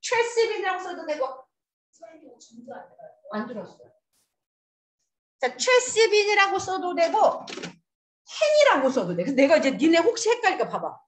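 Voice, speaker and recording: A woman's voice: very high voice, sing-song, normal speed. A woman teaching an English lesson to a class. She coaxes the students along and drills them with questions. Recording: echoey classroom.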